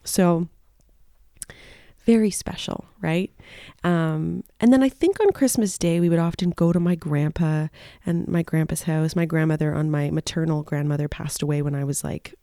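A woman's voice: low-pitched, fairly even intonation, normal speed, warm tone, dry recording, clean studio sound. A woman in her thirties hosting a podcast, rambling nostalgically with many fillers and fighting back tears. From Canada. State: close to tears. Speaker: podcast host. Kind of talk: emotional personal monologue.

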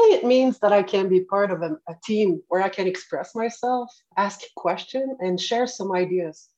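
A woman's voice: medium pitch, dark tone. French Canadian woman, slightly dull recording. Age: late 40s. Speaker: podcast guest, patient partner. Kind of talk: earnest interview answers. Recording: slightly dull, narrow-band sound.

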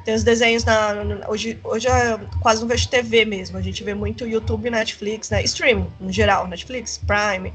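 Woman in a casual chat, slightly high voice, enthusiastic storytelling, faint music bed. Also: steady tone, normal speed, few pauses.

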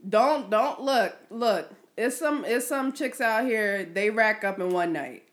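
A woman chatting candidly and bluntly, with frequent swearing and laughter, her pace speeding up and slowing down. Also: fairly high pitch. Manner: frank and profane, laughs often, pace shifts. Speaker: podcast guest sharing her work. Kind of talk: candid casual chat.

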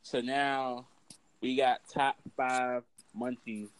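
A man's voice: medium pitch, level tone, slow pace, clean tone, rough recording. A man with an American accent hosting a casual, profane chat full of slang, talking as if among friends. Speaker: podcast host.

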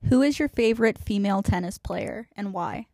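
A woman interviewer asking questions and reading scripted links clearly and evenly. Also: mid-range voice, lively intonation, a little fast, a little mellow, dry recording.

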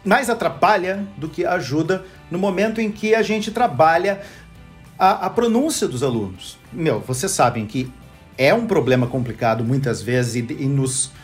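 Brazilian male English teacher, very lively pitch, explains and restarts a lot, faint music behind. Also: normal speed. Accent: Brazilian Portuguese. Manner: animated, explanatory, self-correcting. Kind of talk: casual panel chat.

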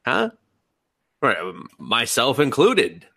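A man in his thirties chatting as a podcast host, his pitch swinging widely as he jokes. His voice is bright and ringing, recorded close and dry with no room around it. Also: huge pitch swings, slow pace, creaky, husky, no echo. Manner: joking, does silly voices. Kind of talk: casual chat.

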